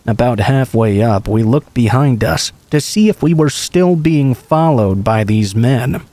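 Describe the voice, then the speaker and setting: A man reading true scary stories aloud in the first person, in an even storytelling way. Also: mid-range voice. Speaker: horror story narrator.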